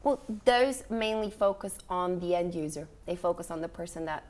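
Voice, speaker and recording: A woman guest giving informal television recommendations in a halting, explanatory way. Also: on the low side, animated, a little mellow. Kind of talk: informal review chat.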